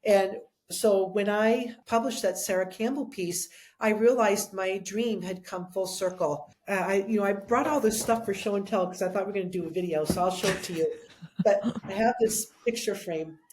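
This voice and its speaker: A woman's voice: mid-range voice, moderate pace, a little mellow, a little hiss or hum. A middle-aged woman, a guest on an interview show, telling her story in a rambling, heartfelt way, full of restarts. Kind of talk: conversational storytelling.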